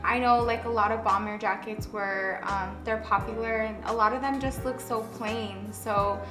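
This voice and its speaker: A woman's voice: mid-range voice, steady tone, normal speed. A woman from New Mexico, a clothing designer and guest, chatting in an easygoing, upbeat way. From New Mexico, USA. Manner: easygoing, upbeat, says "like" a lot. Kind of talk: casual conversation. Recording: roomy kitchen with music underneath.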